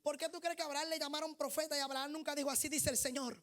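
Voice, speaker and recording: A woman preacher with a high-pitched voice giving a fervent, declamatory sermon, often raising her voice to a shout. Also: fairly even intonation, rapid-fire.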